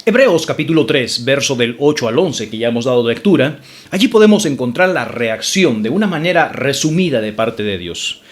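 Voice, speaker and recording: A man's voice: medium pitch, expressive, moderate pace. A male pastor preaching a sermon to his congregation, addressing them as brothers, repeating scripture references and rising sharply when indignant.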